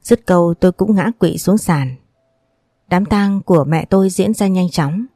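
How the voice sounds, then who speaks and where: A woman narrating a first-person audiobook story in a steady, sorrowful reading voice. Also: fairly low pitch, moderate pace, dry recording, clean studio sound.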